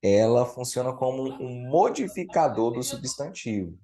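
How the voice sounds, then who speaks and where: A man's voice: mid-range voice, sing-song, normal speed, mellow. Male teacher walking a student through grammar, patient, keeps asking if she gets it. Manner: patient, explains step by step with questions. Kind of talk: live grammar tutoring.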